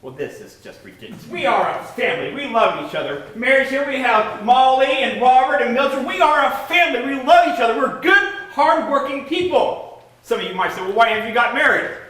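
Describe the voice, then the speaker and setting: A stage actor playing a self-righteous, pompous 1840s slaveholder who lectures the audience in a live play. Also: male voice, high voice, sing-song, fast talker, hardly any pauses, pushed and bright, heavily acted. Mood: indignant. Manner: pompous, indignant, addresses the audience. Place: theatre stage. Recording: echoey stage recorded from far off.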